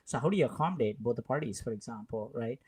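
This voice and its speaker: A man's voice: medium pitch, expressive, darkish tone, breathy edge. Easygoing man in casual tech chat. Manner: easygoing, quick to laugh, filler-heavy. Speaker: podcast co-host.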